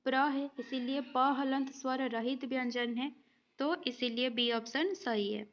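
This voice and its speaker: Slow, patient woman teaching Hindi grammar. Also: sits high, steady tone, highs cut off. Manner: patient, explains step by step, often adds a short "okay" check. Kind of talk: exam-prep lesson going through multiple-choice questions.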